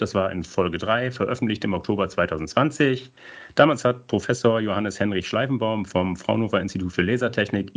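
A man hosting a podcast, reading a scripted introduction and putting questions to his guests, with playful wordplay. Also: lowish voice. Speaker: podcast host.

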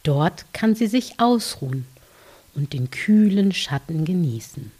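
A woman softly narrating a guided dream journey for children in a gentle, soothing, hushed voice, with long pauses and a scripted, meditative delivery. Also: fairly low pitch, sing-song. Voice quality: soft, breathy, hushed, at times near whisper.

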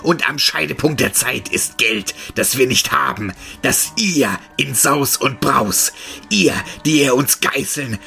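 A monstrous old man rants in a distorted, gravelly bellow, as a male narrator puts him on. His voice is low, tense and harsh, and he hurls paranoid accusations. Faint music plays underneath. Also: a little slow, bright, forceful tone, full character voice. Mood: raging.

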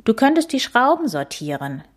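A woman's voice: fairly high pitch, very animated, moderate pace, pitched above the performer's own voice. A woman voicing a busy father coati who speaks firmly and decidedly. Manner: firm, decided.

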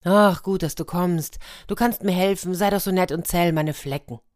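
Brief: woman doing an excitable storybook leopard, low voice, exclamatory. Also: normal speed, no room sound, clean studio sound. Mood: eager. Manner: exclaiming, fretful then overjoyed. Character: vain fretful male leopard obsessed with his spots.

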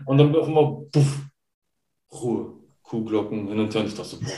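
In a casual interview with roomy echo, a German guest in his thirties rambles through stories with plenty of fillers. He speaks in a lowish, dark, animated voice at a moderate pace.

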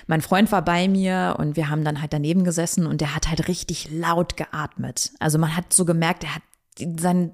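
A woman in her thirties speaks as a guest on a podcast. Her voice sits a little low for a woman. She talks reflectively and haltingly, pausing and rephrasing as she tells a personal story. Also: darkish tone. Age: 30s. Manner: halting, reflective, often restarting sentences.

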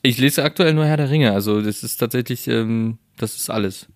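A man's voice: mid-range voice, brisk, no room sound. Male co-host, chatty and laughing, restarts a lot, dry close mic. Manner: laughs often, rambling with restarts. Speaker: podcast co-host. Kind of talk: casual chat.

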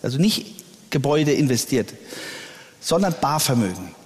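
Earnest church leader in a reverberant room. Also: male voice, mid-range voice, big pitch swings, normal speed. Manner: earnest, with frequent hesitations. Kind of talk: interview answers. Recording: long reverb.

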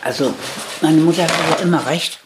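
An older woman in an interview, telling her life story candidly, halting at times and pressing hard on key points. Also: low voice, noisy background.

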